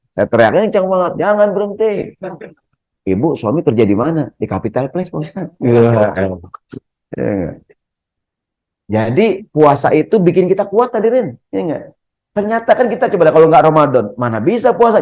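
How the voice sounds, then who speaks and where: Jokey preacher in a mosque. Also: male voice, medium pitch, dull audio. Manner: lively, jokey, keeps asking the audience questions. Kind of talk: humorous Ramadan sermon.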